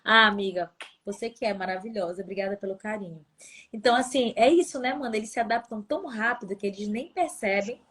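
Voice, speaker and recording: A Brazilian woman in her thirties with a Brazilian Portuguese accent, chatting on a live stream and telling family stories in a lively way. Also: medium pitch, husky. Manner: chatty storyteller, quick and animated. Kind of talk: casual live chat.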